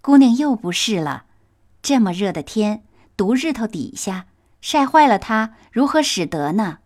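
A woman's voice: medium pitch, big pitch swings, measured pace, darkish tone, pitched above the performer's own voice. A woman voicing a cheerful young maidservant who teases her mistress and the young master in a storybook reading. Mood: teasing. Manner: teasing, cheerful. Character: teasing young maidservant, lively and chatty.

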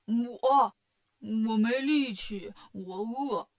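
A woman voicing a lazy, greedy male pig warrior in a storybook tale, whining loudly. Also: a little high, very slow. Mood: whiny.

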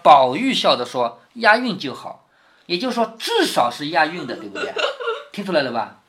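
A man's voice: on the high side, sing-song, brisk, fairly bright tone. A man reading a classic novel aloud to his daughter, stopping often to explain it and check that she follows. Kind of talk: storytelling with explanations.

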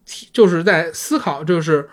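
A man's voice: fairly high pitch, lively intonation, moderate pace. A man casually explaining history in a wry, colloquial conversational way.

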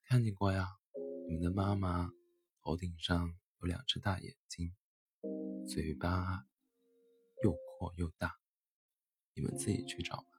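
A man's voice: low voice, flat delivery, measured pace, long pauses. A man voicing a helpful mother duck in a storybook, answering in a friendly way. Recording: music playing behind.

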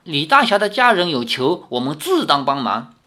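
A reader voicing an old woman, an elder who questions a young stranger sharply and then warms to him with formal, old-fashioned courtesy. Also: mid-range voice, sing-song, moderate pace. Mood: courteous. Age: older. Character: stern then kindly old woman, elder of a hidden sect.

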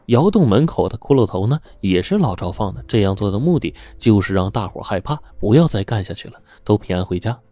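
A man narrating a serialized story in a steady, dramatic storytelling manner. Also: lowish voice, brisk, hardly any pauses, dry recording.

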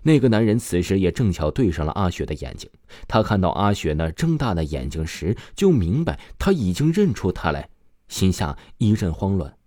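A man's voice: sits low, warm tone, no room sound, clean studio sound. A man narrating a scripted true crime story as a dramatic storyteller, drawing out his phrase endings. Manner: dramatic storyteller phrasing with drawn-out sentence particles.

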